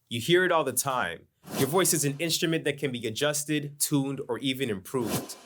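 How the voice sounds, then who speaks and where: Laid-back hip-hop artist teaching. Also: male voice, mid-range voice, a bit bright. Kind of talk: instructional masterclass talk.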